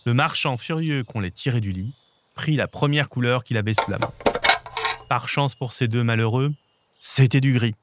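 A man reading a children's story aloud with gentle, expressive storytelling. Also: medium pitch, moderate pace, very noisy.

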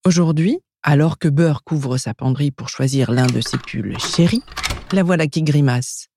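A French woman reading a children's storybook aloud in a lively, expressive way. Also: low voice, normal speed, noisy background.

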